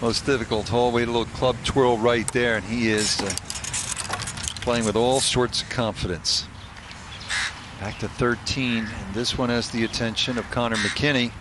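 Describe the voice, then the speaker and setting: A man's voice: medium pitch, fairly even intonation, moderate pace. A man anchoring live golf commentary as the lead announcer, calling the play. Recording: clear outdoor noise behind the voice.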